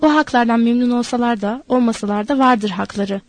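A woman's voice: a little high, fairly quick, no echo, natural voice. Woman doing a bitter older stable hand. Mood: weary. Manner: sharp and indignant, then flat and resigned.

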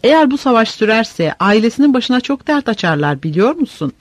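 A man's voice: very high-pitched, very animated, fairly quick, no room sound, pitched above the performer's own voice, full character voice. A grim, doubting soldier, put on by a man reading an audiobook, lifts his voice a little above the narration. He sounds worn out and insistent. The recording is close and dry. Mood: worried. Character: weary, doubtful male soldier driver, blunt. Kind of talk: audiobook character voice.

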